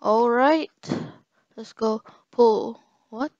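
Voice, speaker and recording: A woman's voice: on the high side, extremely slow, darkish tone, no echo, dull audio. A woman commentating her own game play, flustered and repeating herself as she panics. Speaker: gaming YouTuber. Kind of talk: panicked live gameplay commentary. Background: game music.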